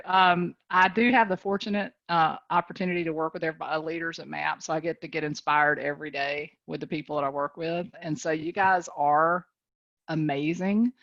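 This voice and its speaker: A woman with a warm North Carolina drawl speaks low and folksy, laughing easily as she encourages her listeners. She is on a video call, and her voice sounds dry and a little dull. Her talk is casual, motivational chat. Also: dry recording. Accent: Southern US, North Carolina. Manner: folksy, animated, laughs often. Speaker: guest speaker, business leader.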